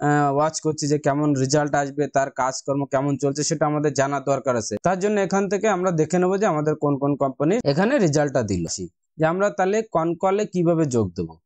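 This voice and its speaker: This investing tutorial host speaks with an Indian Bengali accent in a fairly high-pitched, darkish voice. He narrates a casual, step-by-step guide and talks to viewers as friends while instructing them. The recording is dry.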